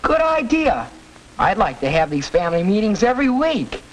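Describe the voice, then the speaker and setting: An eager, wholesome teenage boy in a 1940s family drama. His high voice jumps around with lively intonation in a stagey, scripted delivery. The vintage soundtrack has a faint crackle. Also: moderate pace. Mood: eager, curious. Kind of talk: stagey scripted 1940s educational film acting.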